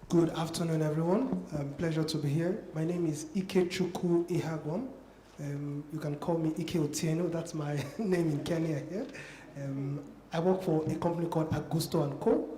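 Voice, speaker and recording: A man's voice: fairly high pitch, fairly even intonation, moderate pace, warm tone. A man from Nigeria politely introducing himself on a conference panel. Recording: echoey room, faint noise.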